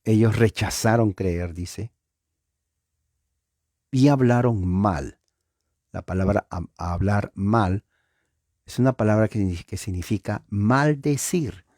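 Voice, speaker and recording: Guy teaching bible study, mellow low voice, dry close sound, keeps asking if everyone gets it. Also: slow, long pauses, dry recording. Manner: explains word meanings, checks understanding with "¿se dan cuenta?".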